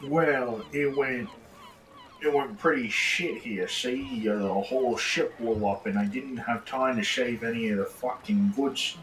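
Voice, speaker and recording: A man's voice: medium pitch, animated, fairly quick, few pauses, far from the mic, a little hiss or hum, natural voice, low-quality recording. A man voicing a brash, swearing male rogue with a wandering put-on accent, rambling as he talks. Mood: boastful. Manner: rambling, profane, laughing through it. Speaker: player. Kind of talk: in-character tabletop role-play.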